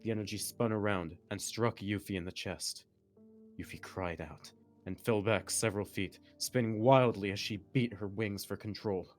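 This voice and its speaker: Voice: deep voice, normal speed, faint music behind. Someone reading fan fiction aloud in a melodramatic way, with joking asides. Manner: melodramatic narration, breaking into laughter and asides. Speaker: reader of a story, with commentary.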